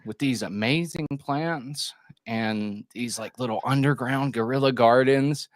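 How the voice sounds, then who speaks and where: A man's voice: mid-range voice, unhurried, no room sound, clean studio sound. A man from Alabama guesting on a casual podcast, friendly and laid-back, telling stories. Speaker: guest grower.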